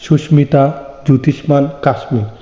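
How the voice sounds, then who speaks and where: A man's voice: mid-range voice, steady tone, normal speed, warm tone. A man teaching an online exam-prep lesson, explaining step by step and answering his own questions. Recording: echoey room with long reverb.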